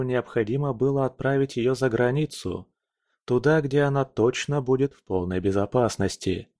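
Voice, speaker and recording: Calm male audiobook narrator, dry sound. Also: medium pitch, no echo. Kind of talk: scripted narration.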